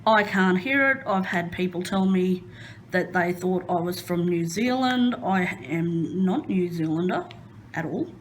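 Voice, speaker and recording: Working at an indoor craft table, a nervous Australian crafting vlogger chats casually about herself while diamond painting, recorded on a phone. Her lowish voice moves slowly, pauses filled with ums and soft, self-conscious laughter, over a faint background hiss.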